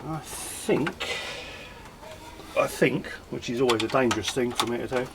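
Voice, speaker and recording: Man, casual rambling chat, self-mocking, middle pitch, loud workshop clatter. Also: normal speed, vocal fry, background noise. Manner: chatty, self-mocking, muttering while working. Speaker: scrapping vlogger. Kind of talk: casual chat while working.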